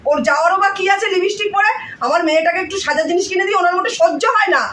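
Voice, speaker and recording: A woman playing a harsh stepmother in a home drama, scolding and hurling insults. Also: very fast. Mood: angry scolding. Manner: shrill, nagging, shouting insults. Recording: roomy room, mic far off, faint noise.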